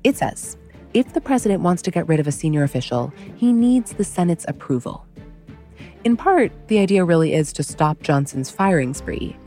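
Woman host, slightly low, mellow voice, wry scripted history narration over faint music. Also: big pitch swings, moderate pace. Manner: wry, conversational storytelling. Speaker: podcast host.

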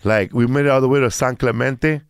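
A man's voice: medium pitch, steady tone, fairly quick, smooth, no room sound, studio quality. A man in his fifties from Mexico, telling stories in a casual chat with lots of restarts and acted-out quotes. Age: 50s. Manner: rambling storyteller, restarts, acts out quotes.

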